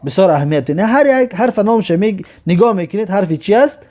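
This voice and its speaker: A patient teacher with a Tajik accent walks learners through a reading lesson, drawing out each word slowly and repeating it. His voice sits a little high for a man but sounds dark and mellow. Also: animated. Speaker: Arabic alphabet teacher. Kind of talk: slow, repetitive reading lesson.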